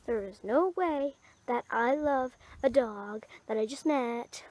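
A woman voicing a young female rabbit who is lovestruck and sulky, speaking softly in a drawn-out, girlish way in a hobby toy-animal drama. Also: on the high side, no room sound. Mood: dreamy, flustered.

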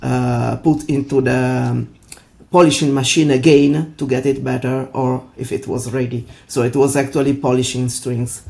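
An Italian violin maker, a native Italian speaker, answers interview questions over a video call from her home in the Italian mountains, searching for words in English with a strong accent. Her bass voice is darkish, with vocal fry, fairly even intonation, and a moderate pace.

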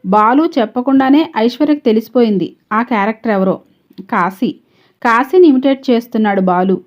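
A woman narrating a serialized story in a steady, measured reading manner. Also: fairly high pitch, highs cut off.

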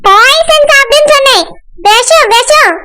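A blunt young village woman, acted by a woman in a homemade skit, teasing her friend with a Kanyakumari accent. Her voice is very high and bright, and she talks in a mocking, offhand way. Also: expressive, moderate pace, exaggerated voice. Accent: Kanyakumari Tamil.

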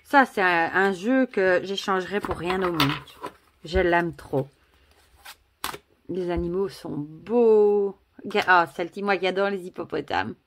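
A woman's voice: on the low side, a little slow, a little hiss or hum. A woman with a Belgian French accent in a casual vlog, chatty and gushing, full of exclamations and asides as she shows things to the camera. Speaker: vlogger.

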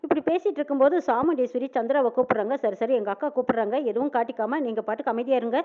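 A woman's voice: high voice, racing. A woman retelling a TV serial episode, acting out each character's quoted lines. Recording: tinny phone-like sound.

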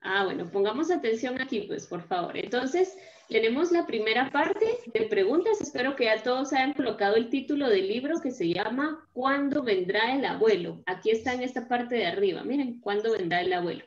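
A woman's voice: a little high, animated, moderate pace, reverberant, muffled recording. Patient woman teacher on a video call. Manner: patient, explains step by step, often checks with "¿verdad?". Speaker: primary school teacher. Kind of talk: online class instruction.

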